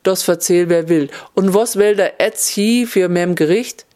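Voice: mid-range voice, normal speed, darkish tone, lightly acted. Stern judge, read by a narrator. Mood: gruff, dismissive. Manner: curt, dismissive. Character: stern grumpy old male judge.

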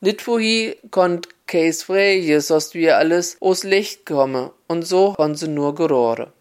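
Woman storyteller with an Upper Hessian accent, unhurried folk-tale delivery. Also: on the low side, a little mellow, clear, resonant tone. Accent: Upper Hessian dialect. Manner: slow, homely storytelling in dialect. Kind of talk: fairy tale narration.

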